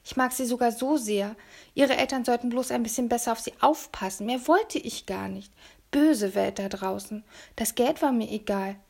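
A woman's voice: a little high, moderate pace, gravelly, darkish tone. A woman voicing a brutish, menacing grown male kidnapper in an audiobook, growling, sneering and turning falsely sweet. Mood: mock-sweet. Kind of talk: audiobook character voice.

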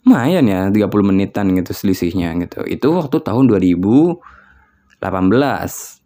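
A man's voice: fairly low pitch, very animated, brisk, warm tone. A young man from West Java in a casual solo chat, rambling and musing aloud with lots of filler words. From West Java, Indonesia.

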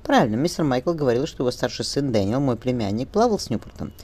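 A man's voice: medium pitch, sing-song, quick pace, darkish tone. A man voicing a resolute young mother. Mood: determined. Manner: firm, tender with her daughter. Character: resolute young mother locked in her bedroom.

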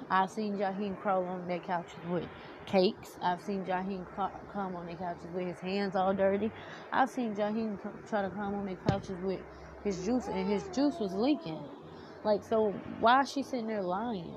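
A young vlogger vents in a heated storytime rant to camera, cursing bluntly and heavily. She talks at normal speed in a medium-pitched voice with fairly even intonation, slightly nasal and sounding on the verge of tears. There's noticeable background noise.

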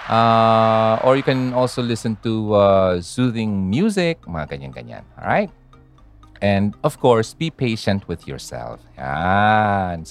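A man with a low voice hosting a casual radio talk. His pitch rises and falls a lot as he chats. He fills the gaps with "ah" and checks in with quick tags, and faint music plays behind him. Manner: chatty, code-switching, many fillers and "ha?" tags. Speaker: radio host.

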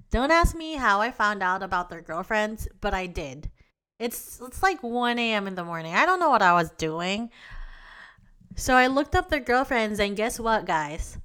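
On her own podcast, a twenty-something woman gets confessional and casual, cursing, dropping slang, calling her audience "guys," and laughing at her own expense. She speaks in a fairly high, bright voice that's forceful yet smooth.

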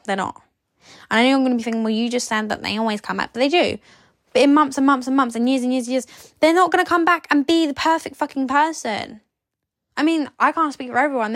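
Blunt chatty woman, gravelly voice. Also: high-pitched, a bit bright, no echo, clean studio sound. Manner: blunt, chatty, swears, many "like" fillers. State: sleepy, yawning. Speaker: podcast host. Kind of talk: casual advice monologue.

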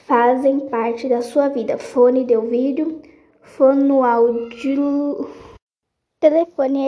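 A woman reading a grammar lesson aloud in a slow, halting way, restarting on some words. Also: high voice, muffled recording.

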